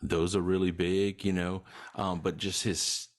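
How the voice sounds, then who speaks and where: A man's voice: low voice, little pitch movement, a little slow, noisy background. A man, chatting casually as a podcast guest in a laid-back, dryly humorous way. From Louisiana. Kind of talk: casual chat.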